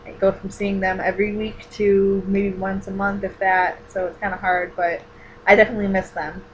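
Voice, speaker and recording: A woman's voice: mid-range voice, little pitch movement, normal speed, dull audio, slight background noise. A woman in her twenties chatting casually in a vlog, rambling with many fillers and restarts as she answers personal questions. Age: 20s. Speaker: vlogger.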